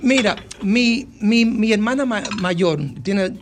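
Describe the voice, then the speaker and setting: High-voiced Dominican man telling stories. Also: slow, slight background noise. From Dominican Republic. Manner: animated, many restarts and repetitions. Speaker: guest. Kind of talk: casual storytelling interview.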